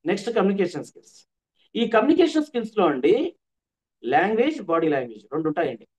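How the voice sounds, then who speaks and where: A man's voice: high-pitched, huge pitch swings, quick pace. A man teaching an online workshop, repeating his points with emphasis. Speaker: trainer.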